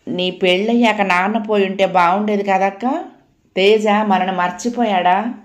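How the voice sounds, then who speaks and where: A woman's voice: medium pitch, steady tone, moderate pace, natural voice. A woman voicing an emotional young bride-to-be who speaks frankly, in an echoey room. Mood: tearful. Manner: plaintive, tearful. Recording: roomy echoey home recording.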